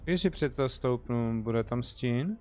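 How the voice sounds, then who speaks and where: A man's voice: mid-range voice, darkish tone, dull audio, a little hiss or hum. A young man with a Czech accent, chatting casually as he streams a game and jokes with his viewers. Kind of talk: casual live gameplay commentary.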